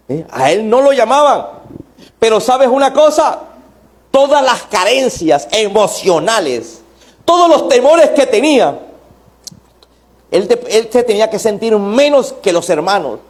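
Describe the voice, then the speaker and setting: A male pastor, preaching an impassioned sermon that rises to near shouts. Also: high voice.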